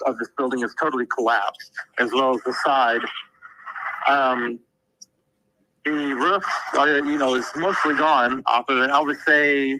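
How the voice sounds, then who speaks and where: A man's voice comes through a speakerphone as he calls in a live damage report. His tone is sharp and bright, and he pauses often to find the right words. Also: medium pitch, poor audio. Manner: halting, searches for words. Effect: speakerphone call. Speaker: storm spotter.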